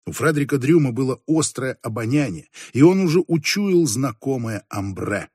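A man reading a novel aloud as an audiobook narrator, in a measured, expressive way. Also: mid-range voice, slightly rough, no echo, clean studio sound. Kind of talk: scripted narration.

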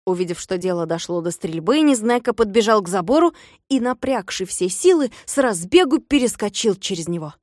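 A woman narrating a children's tale with lively, expressive storytelling. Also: mid-range voice, a little fast, no room sound. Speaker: audiobook narrator. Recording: dry close recording.

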